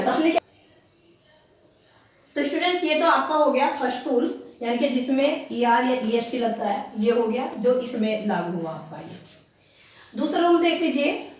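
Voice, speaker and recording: A woman gives a classroom grammar lesson with a high voice. She explains slowly and repeats each example word. She sounds set back from the mic in a very echoey room. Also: distant mic. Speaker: English teacher.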